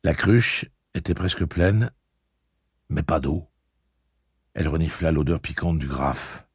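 A man reading a novel aloud as an audiobook narrator, telling the story in a measured, steady way. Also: rumbling low, slightly rough, no echo, clean studio sound.

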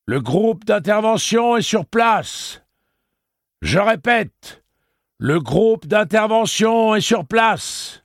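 A man voicing a police officer who makes loud, formal announcements over a loudspeaker. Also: sits high, animated, slow pace, no room sound, studio quality, voice pushed up, full character voice. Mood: blaring.

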